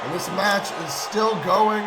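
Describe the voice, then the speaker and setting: A man doing excited wrestling commentary who erupts into shouts at big moves. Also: sits high, a little slow. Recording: over loud crowd and music. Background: crowd noise and music.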